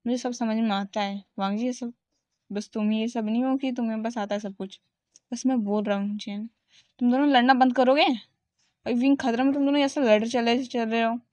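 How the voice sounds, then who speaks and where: A woman's voice: a little high, fairly even intonation, normal speed, a little mellow, no room sound. A woman casually retelling a fan story and speaking the characters' lines in her own voice, often stopping to restart. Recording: dry, dull lo-fi recording.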